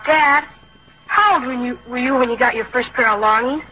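A woman plays an awkward, earnest young teenage boy in a vintage radio comedy. The voice is high, hesitant and stammering, and the sound is dull and lo-fi. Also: normal speed, soft background music, lightly acted. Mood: bashful. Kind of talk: old-time radio comedy acting. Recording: dull lo-fi old radio recording.

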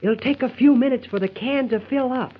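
An actor playing an exasperated, scheming husband, bossy and impatient, in the style of old-time radio comedy. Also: male voice, very high voice, brisk, slightly rough. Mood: tense, snappish. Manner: impatient, bossy, hushing and cajoling. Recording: dull, lo-fi old radio recording.

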